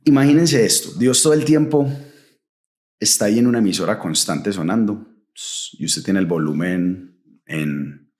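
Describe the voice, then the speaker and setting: Animated Colombian Paisa man, low voice. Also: moderate pace. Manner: vivid storyteller, uses voseo and slang. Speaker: podcast guest. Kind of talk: animated testimony.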